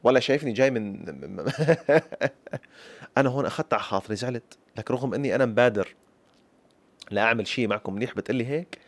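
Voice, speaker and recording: A man in his twenties with a Syrian accent, telling a true childhood story in the lively manner of a folk storyteller who keeps addressing his listeners. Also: fairly low pitch, fast talker, long pauses, dry recording. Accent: Syrian Arabic. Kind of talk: personal story told to camera.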